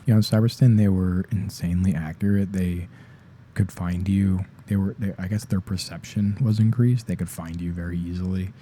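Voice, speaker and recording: Sleepy young guy mumbling about whatever, low dark voice, bit of hiss behind. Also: steady tone, normal speed. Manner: rambling, slips into whispers, self-deprecating. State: sleepy, voice tired. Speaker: ASMR creator. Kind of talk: soft-spoken ASMR ramble.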